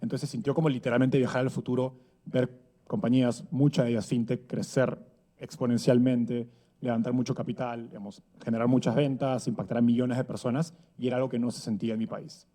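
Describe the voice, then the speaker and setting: Man giving a relaxed conference talk. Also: medium pitch, brisk. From Peru. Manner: conversational, with frequent fillers and rhetorical tags. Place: event stage before an audience.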